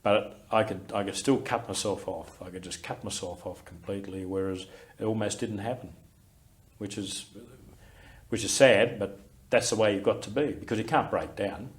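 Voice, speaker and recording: A man's voice: lowish voice, moderate pace. An Australian man in his sixties, a war veteran recalling his service in an oral history interview, reflective and full of fillers and restarts.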